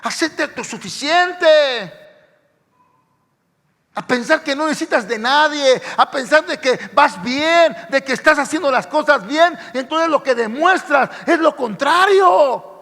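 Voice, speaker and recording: A man delivers an emphatic sermon, calling out to his congregation again and again. His voice sits very high and carries a gravelly rasp. The sound rolls around a reverberant church hall. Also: expressive, a little slow. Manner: emphatic, repeats "hermano", rising to shouts. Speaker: pastor. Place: church sanctuary.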